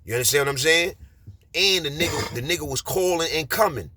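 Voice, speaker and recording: A man's voice: fairly high pitch, brisk, sharp tone. A man with a Bronx accent telling a street story casually, rambling with slang and frequent fillers. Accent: New York Bronx.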